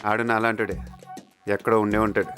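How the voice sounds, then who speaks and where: A man's voice: fairly low pitch, flat delivery, brisk, a bit bright, soft background music, lightly acted. An actor playing a man who mocks and scolds others, with a Telugu accent. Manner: mocking, scolding. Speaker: comic film character. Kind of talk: Telugu film comedy acting.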